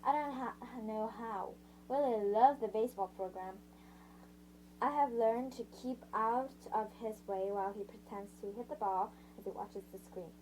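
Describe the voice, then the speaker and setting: A woman's voice: fairly high pitch, darkish tone, slight background noise, poor audio. A woman reading a novel aloud in the first person, stumbling, restarting lines and stopping to sum up parts in her own words. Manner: halting, frequent restarts and self-corrections. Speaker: audiobook reader. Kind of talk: amateur read-aloud narration.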